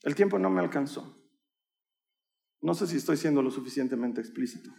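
Animated high-voiced preacher telling a story. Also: male voice, brisk, creaky, a little hiss or hum. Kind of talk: sermon storytelling. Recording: echoey room.

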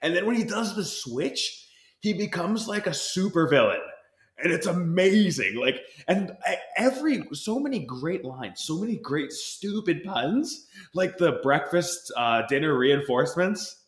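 A man's voice: a little high, big pitch swings, unhurried, echoey room. A man chatting animatedly about a film, emphatic and enthusiastic. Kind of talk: casual film discussion.

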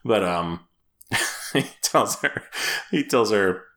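A man's voice: fairly low pitch, expressive, takes it slowly, a bit bright. A man co-hosting a podcast in casual chat, laughing often and rambling with fillers and restarts. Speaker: podcast co-host.

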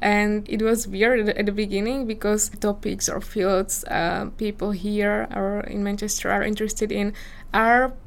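Slovak-accented young woman, vocal fry. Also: mid-range voice, level tone, a little slow. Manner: earnest, searching for words in English. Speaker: visiting scholar guest. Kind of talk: casual interview answers.

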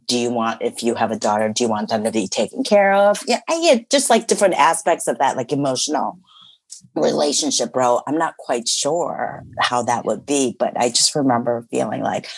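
Woman, very deep voice, reflective and chatty, dry close sound. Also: no room sound. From Chicago area, USA. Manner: reflective and chatty, many fillers and laughs. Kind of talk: casual conversation.

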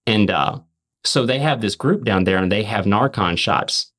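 Man, low-pitched voice, earnest testimony, emphatic, repeats and restarts, podcast storytelling. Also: animated, a bit bright. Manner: emphatic, fast and repetitive restarts. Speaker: podcast host.

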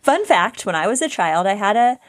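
A woman's voice: mid-range voice, big pitch swings, a little fast. A woman hosting a true-crime podcast in a conversational way, with trouble saying her R sounds in some words. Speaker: podcast host.

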